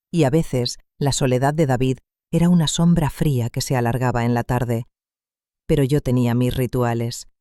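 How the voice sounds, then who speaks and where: The narrator is a man with a medium-pitched, mellow, dark voice who reads a first-person story calmly and reflectively. He maintains an unhurried, measured, steady delivery. The recording is dry, without any room sound.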